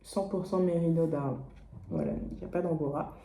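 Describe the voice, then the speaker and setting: A young woman from France chats through her knitting vlog in a loose, slangy way, full of fillers and restarts. Her voice is mellow and soft-edged, and the room around her has a noticeable echo with a faint hum underneath. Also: low-pitched, fairly quick. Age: young adult. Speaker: knitting vlogger, exchange student. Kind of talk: casual knitting vlog chat.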